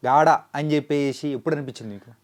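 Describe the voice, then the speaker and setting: A man's voice: mid-range voice, a little fast, a little mellow. A man hosting an interview, asking questions and affirming his guest. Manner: encouraging, frequent affirming hums. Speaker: interview host.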